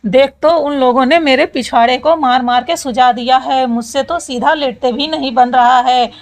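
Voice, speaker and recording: A woman's voice: high voice, moderate pace. A woman voicing a sore, whiny young male college student who complains and scolds his friend. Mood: complaining.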